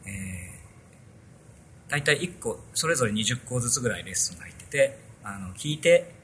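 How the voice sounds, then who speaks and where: A man's voice: medium pitch, lively intonation, normal speed, fairly bright tone, a little hiss or hum. A man hosting a casual tech podcast, chatting loosely through a sponsor spot with many fillers. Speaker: podcast host.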